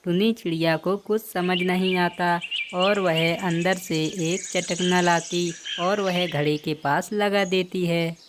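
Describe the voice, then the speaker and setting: A woman narrating a children's cartoon story in a plain, steady way. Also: on the low side, slow pace, hardly any pauses, background noise.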